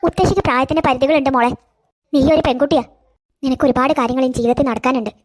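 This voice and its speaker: A tearful, self-sacrificing cartoon grandmother as a woman puts her on. She coaxes gently in a high voice at a quick pace. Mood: sad. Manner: gentle, coaxing. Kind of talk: cartoon voice acting.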